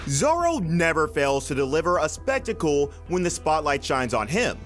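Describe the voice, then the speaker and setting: A man's voice: a little high, very animated, normal speed, over music. A man reading scripted countdown narration for a video list.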